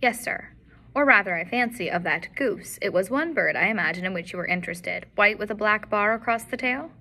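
A woman's voice: medium pitch, lively intonation, fairly quick, pushed and bright. A woman voicing a frightened little man in a story reading, with a whining, quavering delivery. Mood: nervous.

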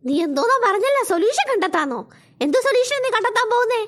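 A snarling cartoon kidnapper. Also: female voice, very high voice, very animated, racing, heavily acted. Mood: suspicious. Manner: snarling threats, sudden loud jumps. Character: menacing male kidnapper, bullying and threatening. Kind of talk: cartoon voice acting.

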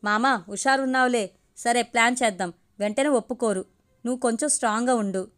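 A teasing young college buddy full of chummy banter, read in a storybook reading by a woman with a higher voice. He jokes along with his friend and eggs him on. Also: brisk, a bit bright, lightly acted.

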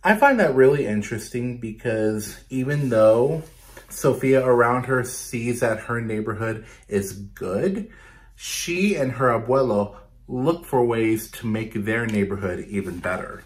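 In a small bedroom, a storytime reader with a medium-pitched voice and lively intonation reads a picture book to kids. He makes it animated, stopping for asides that question and explain things to his young audience.

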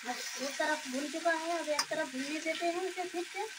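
A woman's voice: sits high, normal speed. A woman vlogger casually explaining each step as she cooks in a small village kitchen. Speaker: cooking vlogger. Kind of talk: casual cooking narration. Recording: distant phone audio with sizzling noise.

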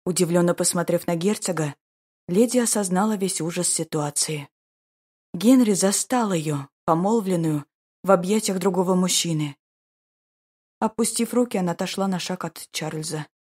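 A woman narrating an audiobook in a slow, even, measured reading style. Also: fairly low pitch, husky. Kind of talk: scripted narration of a romance novel.

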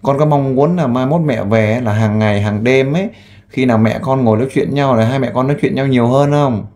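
A man who works as a volunteer interviewer. He asks gentle, coaxing questions and makes an earnest appeal with frequent fillers. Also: mid-range voice, brisk. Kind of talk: on-the-spot interview and appeal to camera.

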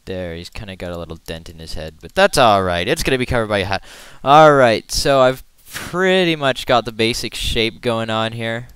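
Low, bright-voiced man narrating his drawing. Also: lively intonation, moderate pace, few pauses, smooth, no echo. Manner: rambling and self-deprecating, hums to himself while working. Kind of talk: casual screen-recorded drawing commentary.

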